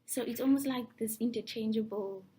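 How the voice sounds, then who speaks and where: Speaking at a normal speed in a fairly high voice, a young Afrikaans-speaking woman from South Africa responds to interview questions in a soft, breathy, thoughtful way, frequently starting over. A little hiss or hum can be heard.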